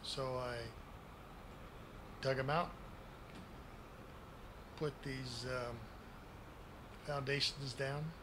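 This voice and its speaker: A man's voice: medium pitch, steady tone, very slow, long pauses. A grandpa-like man in his sixties giving a casual, unscripted game tour in a folksy, plain-spoken way at a desk microphone. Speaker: gaming video creator giving a base tour. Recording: clearly noisy home recording.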